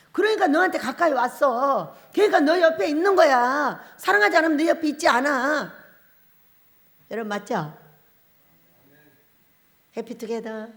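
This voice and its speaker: A woman pastor preaching a revival sermon, animated and laughing often as she puts questions to the congregation. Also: high voice, gravelly.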